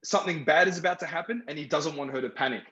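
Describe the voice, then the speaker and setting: A man's voice: fairly high pitch, rapid-fire, sharp tone. A man, a film director, talking through his work on a panel, reflective and given to repeating phrases. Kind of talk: panel discussion over video call. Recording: roomy, muffled sound.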